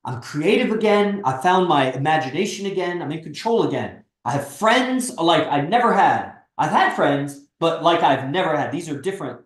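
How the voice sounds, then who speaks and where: Blunt, pitchy man on a stream. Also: animated, moderate pace, few pauses, roomy sound. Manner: blunt, persuasive, swears freely. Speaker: stream host and coach. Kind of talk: casual livestream pep talk.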